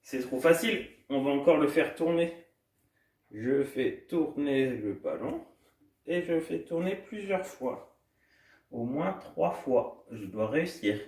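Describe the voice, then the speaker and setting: A man with a fairly high, expressive, darkish voice speaks slowly while coaching a baby gym session for small children in a room at home. He sounds cheerful and sing-song as he demonstrates the moves. He is far from the mic, and the room is echoey.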